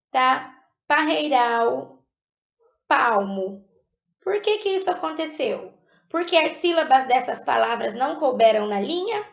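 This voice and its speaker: A woman's voice: high-pitched, creaky. A woman teaching a recorded lesson, explaining step by step with patient check-ins. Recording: echoey room, dull lo-fi sound.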